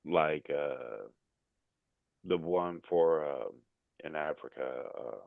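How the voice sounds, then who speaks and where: A man chatting casually on a video call in a slow, laid-back, slangy way. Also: a bass voice, creaky, no room sound. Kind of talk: casual chat. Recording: tinny phone-like video call line.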